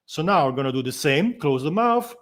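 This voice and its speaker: A man's voice: on the high side, very animated, fairly quick, a bit bright. A man teaching as a freediving instructor, patiently explaining step by step and demonstrating the sounds himself. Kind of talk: instructional walk-through.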